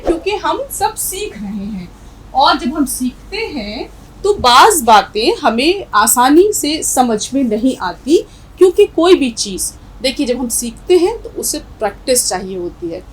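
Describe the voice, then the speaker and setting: A woman's voice: high-pitched, a little hiss or hum, low-quality recording. A middle-aged woman teaching a recorded language lesson, patiently repeating letter drills. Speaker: Urdu teacher.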